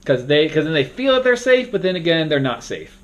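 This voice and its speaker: A young man casually walking through how to moderate a party game, rambling and now and then bursting into loud acted-out announcements. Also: fairly high pitch, very animated, a little fast, muffled recording. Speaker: game moderator teaching a tutorial. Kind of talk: casual instructional talk.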